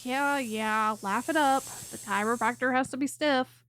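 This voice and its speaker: A woman voices a friendly, clingy female lamia chiropractor in an ASMR roleplay, talking straight to the listener in a soft, coaxing, teasing way. Her voice is high and a little slow, and the mood is wry and candid.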